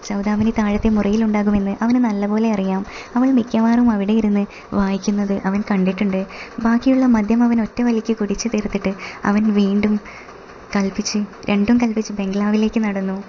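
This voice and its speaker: Woman, storyteller, scripted narration, steady reading, dark tone, muffled sound. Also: medium pitch. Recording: dull recording with faint hiss.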